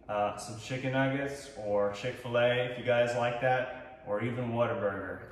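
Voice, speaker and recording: A man's voice: medium pitch, a bit bright, a little hiss or hum. A young man with a Texan accent, chatting upbeat with many fillers as he walks through his fitness gear in a large home kitchen, filmed by a camera some distance away. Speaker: fitness vlogger. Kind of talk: casual product walkthrough. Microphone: far camera. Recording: roomy echo, voice from afar.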